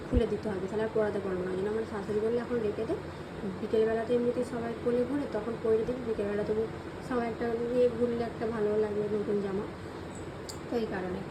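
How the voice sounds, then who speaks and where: Softly chatting Bengali woman vlogger. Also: a little high, background noise. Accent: West Bengal Bengali. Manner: speaks softly so the baby keeps sleeping. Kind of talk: hushed casual vlog talk.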